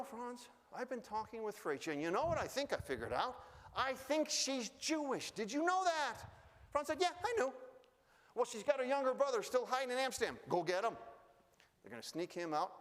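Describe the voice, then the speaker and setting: A man telling a true story as a speaker at a remembrance event in a synagogue, dramatic and shifting his voice for the people he quotes. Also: on the high side. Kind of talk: storytelling talk. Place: synagogue hall. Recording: long reverb of a large hall.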